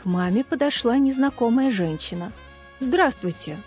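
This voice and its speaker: A woman calmly reading a children's story aloud. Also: fairly high pitch, normal speed, soft background music. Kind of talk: storybook narration.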